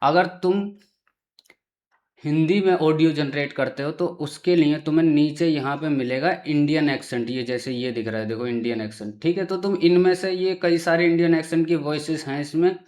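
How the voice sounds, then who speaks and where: Male tutorial host, casual explainer, chatty, fairly high voice. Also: normal speed, a little mellow. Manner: chatty, repeatedly checks in with the viewer. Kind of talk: casual screen-recorded tutorial.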